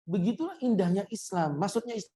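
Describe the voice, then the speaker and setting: A man's voice: sits high, sing-song, a little fast, warm tone, slightly rough. A middle-aged man delivering a humorous Ramadan sermon in a mosque, addressing listeners directly and quoting Arabic scripture. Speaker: preacher.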